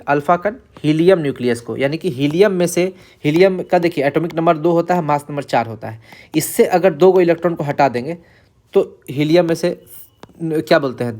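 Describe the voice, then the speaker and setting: A man teaching an exam-prep chemistry lesson, explaining step by step, repeating key numbers and asking and answering his own questions. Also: on the high side.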